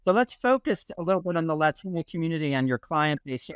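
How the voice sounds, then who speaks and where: Smooth-voiced male podcast host. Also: fairly high pitch, big pitch swings, no echo. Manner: scripted intro, then halting questions with repeated words. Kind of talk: podcast interview hosting.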